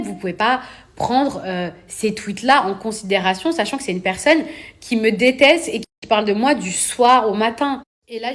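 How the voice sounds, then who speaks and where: Young woman, influencer, casual monologue to camera; emphatic and indignant, repeats words for stress, flares into heated peaks. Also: mid-range voice. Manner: rising to heated outbursts. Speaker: influencer addressing her followers.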